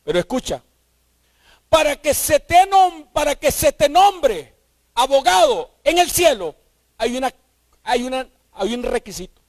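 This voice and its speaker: A man preaching a sermon, emphatic, rising to shouts and repeating his key points. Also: very high-pitched, sing-song, a little slow, pauses often, no room sound.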